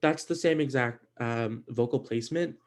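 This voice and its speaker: A man teaching an online language class in a casual, halting way, with many fillers and restarts. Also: medium pitch.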